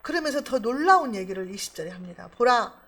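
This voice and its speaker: A woman's voice: high voice, big pitch swings, a little fast, fairly bright tone. A middle-aged woman pastor preaching a sermon, emphatic and full of rhetorical questions.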